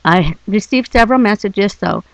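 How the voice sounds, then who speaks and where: A woman talks straight to camera in a relaxed vlog, blunt and animated as she tells her story. Her voice has a gravelly edge and a slight lisp. The sound is dry and close, with little room echo. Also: medium pitch, moderate pace. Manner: lisping from a mouth injury. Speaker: vlogger. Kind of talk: casual personal storytelling.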